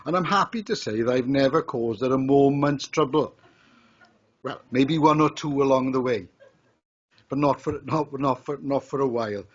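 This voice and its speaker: A man's voice: medium pitch, moderate pace, slightly rough. A man with a Welsh accent, the council leader, giving a joking farewell tribute in a council chamber. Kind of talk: tribute speech at a council meeting. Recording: dull lo-fi chamber mic.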